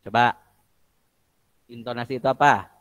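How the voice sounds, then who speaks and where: A man's voice: mid-range voice, fairly even intonation, normal speed, a bit bright, lo-fi sound. A man teaching an online music class, quizzing students with jokes and singing solfège drills. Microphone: video call.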